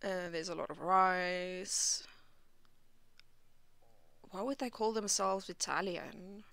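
A woman's voice: lowish voice, takes it slowly, gravelly, a bit bright. A woman hosting a reaction channel, giving skeptical and critical commentary.

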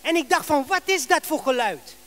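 A man's voice: very high-pitched, lively intonation, normal speed, bright, forceful tone, full character voice. A man voicing a formerly blind male beggar who tells his story earnestly. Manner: earnest storytelling, addressing the listener.

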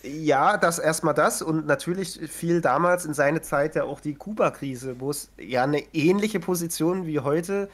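A man's voice: on the high side, measured pace, few pauses. A man co-hosting a podcast in casual chat, chatty and teasing, laughing often. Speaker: podcast co-host.

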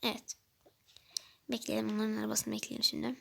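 A woman with a fairly high voice talks over her toy game video in casual narration. She rambles and hesitates, leaning on fillers as she goes. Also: monotone, a little fast, gravelly.

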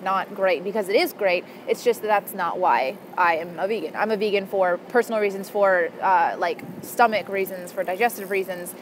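This young adult woman has a mid-range voice and vlogs casually outdoors in an urban park, wandering from point to point with plenty of "like" and "you know." The audio comes from the mic on her earphones, with background noise from outside.

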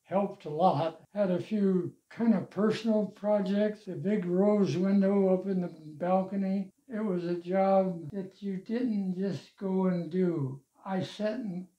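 An elderly man telling stories of his life and church work in a relaxed interview, chuckling now and then, seated at home. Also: high voice. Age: older. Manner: slow, chuckling storyteller. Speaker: interviewee, longtime church member. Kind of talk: reminiscing interview. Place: living room, seated in armchair. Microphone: lavalier mic. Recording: roomy, slightly dull sound.

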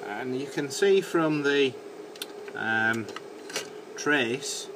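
Speaking with an animated, mid-range voice and drawing out his words, a man presents as an electronics repair technician. He demonstrates technical work at an indoor workbench in an unscripted, matter-of-fact way. The handheld camera audio from the workshop is noisy, with background noise clearly audible.

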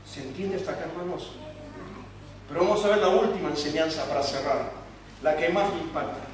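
A man with an Argentine accent preaching a sermon, moving between quiet asides and rising, emphatic exhortation. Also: on the high side, fairly quick, crowd noise. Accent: Argentine Spanish. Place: church hall. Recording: echoey church room, distant mic, faint noise.

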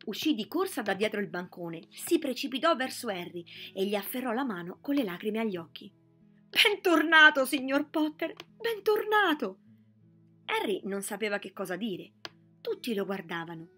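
A woman reading a novel aloud as scripted narration at a steady, even storytelling pace. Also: medium pitch, fairly quick, slightly rough. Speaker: audiobook reader. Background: soft background music.

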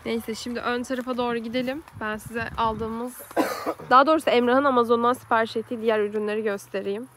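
A chatty woman with a fairly high voice talks casually to camera in a garden. She thinks aloud and exclaims often. Faint outdoor noise sits behind her. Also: fairly even intonation, quick pace. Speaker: vlogger. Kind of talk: casual home vlog chat. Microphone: handheld camera.

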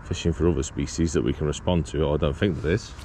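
A British angler presents a fishing video from beside a small pond outdoors, chatting casually and informally to viewers and often musing aloud in questions. His voice is extremely low, his intonation fairly even, and he talks fast. A body-worn action camera captures him clearly, along with ambient outdoor sound and traffic.

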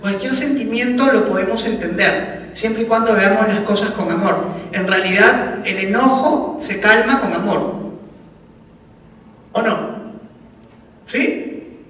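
Man, classroom instructor, high and bright, chatty with rhetorical questions, recorded far off in a hall with long reverb. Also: slow, pauses often. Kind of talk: classroom lecture. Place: lecture room. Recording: echoey hall, mic far off.

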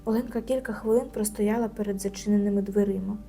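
A woman's voice: mid-range voice, quick pace, soft background music. Woman narrating a children's audio tale. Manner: lively, expressive storytelling.

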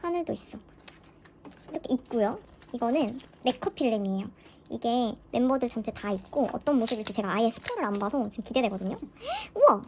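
A woman chatting casually through an unboxing vlog, gushing with excitement as a fan. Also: on the high side, fairly quick, background noise. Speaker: vlogger.

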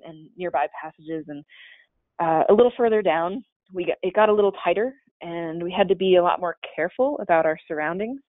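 This is a caver's laid-back slide-show talk during a webinar, loose and conversational with plenty of fillers and false starts. The medium-pitched voice comes over a webinar call mic, sounding thin and dry.

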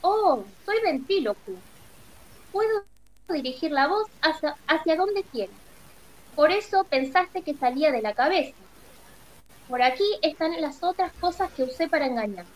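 A woman's voice: sits high, expressive, normal speed, low-quality recording. A woman voicing a frightened old male humbug wizard who pleads nervously. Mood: timid.

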